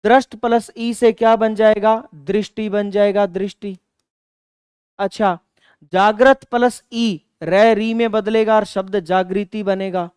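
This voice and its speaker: Clear-voiced male grammar teacher. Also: high-pitched, fairly even intonation, slow pace, darkish tone, no echo, clean studio sound. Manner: asks questions, then answers them himself; repeats and stresses key words. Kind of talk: online exam-prep grammar lesson.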